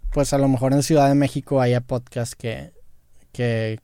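A young man, co-hosting a podcast, speaking in a measured, analytical way with casual slang. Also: mid-range voice, steady tone, dark tone, clean tone, dry recording, studio quality. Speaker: podcast co-host.

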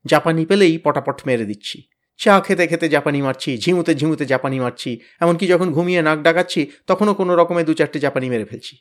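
A man voicing a bossy, blustering teenage boy who leads his gang, loud, threatening and boastful. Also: fairly high pitch, brisk, lightly acted. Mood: boasting. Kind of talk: storybook reading.

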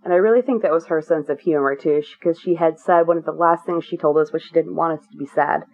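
Low-voiced woman over a tinny phone line. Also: fast. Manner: earnest, rambling with many fillers. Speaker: guest. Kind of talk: candid personal interview.

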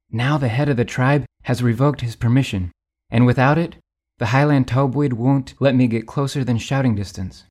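A man's voice: medium pitch, a little mellow, lightly acted. A man playing a resolute praying missionary. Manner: resolute, prayerful. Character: determined male missionary praying aloud. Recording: guitar music underneath.

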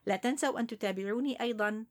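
A woman's voice: a little high, very fast. A woman hosting children's stories in a grandma-style storytelling manner, speaking directly to young listeners. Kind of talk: grandma-style folk tale narration for children.

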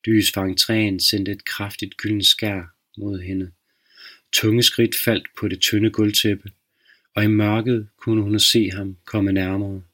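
A man hosting a podcast, reading a dark short story aloud in a slow, measured narration. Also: on the low side. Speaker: podcast host and reader.

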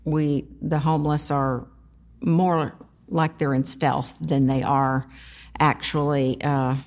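Low-pitched woman, halting and plain-spoken. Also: level tone, a little mellow. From small town in South Carolina, United States. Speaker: interview guest, food pantry organizer. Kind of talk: casual conversational storytelling.

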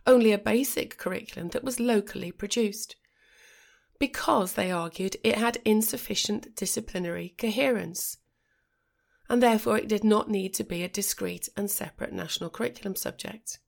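A middle-aged woman hosts a podcast, her voice croaky and gravelly with fry as she gets over a cold. She talks in a measured, reflective way at a middle pitch, now and then restarting a phrase. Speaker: podcast host. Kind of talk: scripted podcast monologue.

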